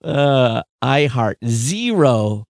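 A man with a mid-range, gravelly, darkish voice co-hosts a podcast, speaking in a sing-song way and drawing out his words. He chats casually about industry figures, chuckling often and reading numbers off the cuff. The recording is studio quality with no echo.

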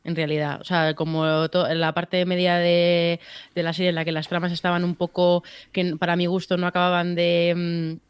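A woman's voice: fairly low pitch, completely flat delivery, normal speed, clean tone, dry recording. A woman from talking in a casual podcast chat, rambling and searching for words. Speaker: podcast co-host.

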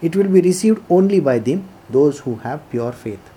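A spiritual teacher with an Indian accent and a soft, mellow tone at a middling pitch. The delivery moves between devotional reading and informal explanation. Points are made didactically, with key phrases repeated for emphasis. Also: animated, normal speed.

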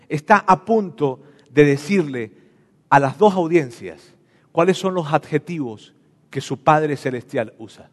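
A high-voiced male preacher delivers a sermon as dramatic storytelling, turning often to address his listeners directly. His voice carries the long reverb of a large hall.

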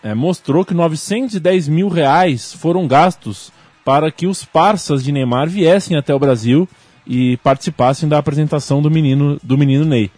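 A man's voice: a little high, moderate pace, darkish tone, dry recording. A man co-hosting a sports podcast, bringing in news items and reacting with indignation. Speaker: podcast co-host. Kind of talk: casual sports chat, reading news.

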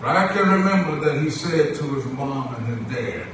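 A pastor preaching a sermon, stretching his phrases in a drawn-out cadence that swells on key words. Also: medium pitch, sing-song, background noise. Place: church sanctuary. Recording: very echoey church recorded from a distance.

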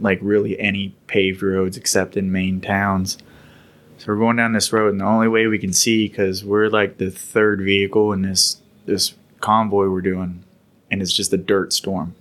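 A man's voice: on the low side, fairly bright tone. A man casually recounting stories from his military service on a podcast, in a rambling, laid-back way with occasional laughs. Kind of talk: casual storytelling.

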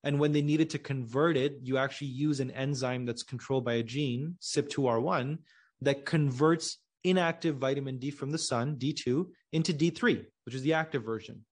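A man's voice: mid-range voice, normal speed, slightly rough. A man from Pakistan, a company co-founder guesting on a podcast, explaining patiently and checking in with his listener. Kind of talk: casual conversational interview.

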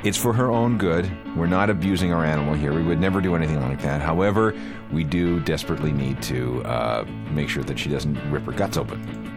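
A man's voice: very deep voice, a little fast, music in the background. A man co-hosting a tech podcast, chatting casually, often stammering and laughing. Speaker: podcast co-host.

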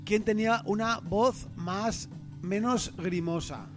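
High-voiced teasing male co-host. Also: slow, faint music behind. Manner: playful, teasing. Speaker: radio show co-host. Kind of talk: casual banter.

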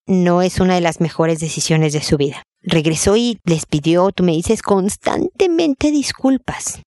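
A woman's voice: on the low side, a little mellow, dry recording, clean studio sound. A woman hosting an advice show, talking straight to a listener in a direct and emphatic way. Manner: direct, emphatic, often repeats the listener's name.

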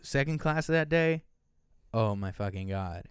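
The voice belongs to a young man who rambles through his stories and swears freely, and his pitch rises and falls a lot as he talks. He is recorded dry and close, with no room sound at all. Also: expressive, moderate pace, clear, resonant tone, no echo. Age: young adult. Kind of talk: casual chat.

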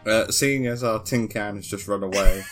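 Lowish-voiced man, unsure player. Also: moderate pace, fairly bright tone, faint music behind. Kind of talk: tabletop game play.

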